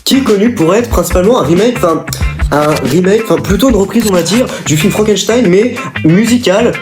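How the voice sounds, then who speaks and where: A man's voice: sits high, fairly quick. Rambling, improvising young-sounding man. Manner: rambling, with fillers and self-corrections. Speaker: video host. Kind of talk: improvised film-genre video. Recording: echoey room with music behind.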